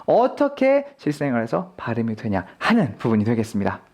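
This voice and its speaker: A young man teaching English pronunciation in an online lesson, explaining clearly and speaking directly to viewers. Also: medium pitch, wildly swooping pitch, brisk, a little mellow.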